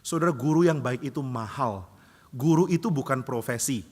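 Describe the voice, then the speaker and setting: A male pastor telling a story in a sermon, animated and humorous, acting out voices, in a reverberant church hall. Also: medium pitch, moderate pace, breathy edge. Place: church sanctuary.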